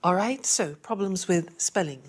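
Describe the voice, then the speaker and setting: A woman teaching an English lesson, speaking clearly and repeating key phrases for learners. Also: lowish voice, expressive, unhurried. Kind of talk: classroom lesson.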